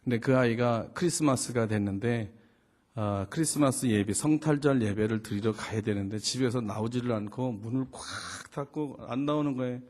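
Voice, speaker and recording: A pastor in his fifties preaches a sermon in a conversational, storytelling way, with a slightly mellow voice at normal speed. He asks rhetorical questions and acts out dialogue, his pitch and volume rising as he does.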